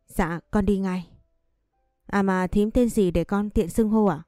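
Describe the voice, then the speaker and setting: A woman's voice: mid-range voice, fairly even intonation, a little slow, warm tone, no echo, clean studio sound, soft background music, natural voice. A woman voicing a polite, shy nineteen-year-old maid in a storybook reading. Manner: polite, deferential.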